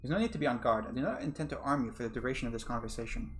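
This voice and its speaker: A man's voice: mid-range voice, lively intonation, rapid-fire, slight background noise, natural voice. A man voicing a polite undead male mastermind who speaks in formal, old-fashioned phrases. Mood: courteous. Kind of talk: voicing a game character.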